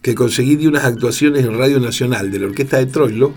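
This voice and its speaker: A man with a Rioplatense Spanish accent, a record producer telling lively anecdotes in an interview and acting out the voices of the people he quotes. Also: medium pitch, fast, soft background music. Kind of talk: storytelling interview.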